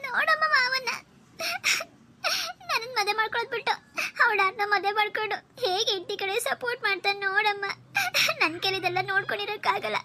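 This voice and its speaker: A lovesick cartoon girl, high and bright, whining through tears and rattling her lines off quickly. She is stubborn and clingy, forever pleading. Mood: tearful pleading. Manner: whiny sobbing pleading. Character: lovesick tearful young woman, stubborn and clingy. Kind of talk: cartoon voice acting.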